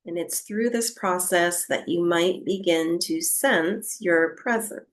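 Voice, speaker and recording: Long pauses separate each phrase as this woman leads a breathwork session with soft, unhurried relaxation cues. She speaks in a lowish voice.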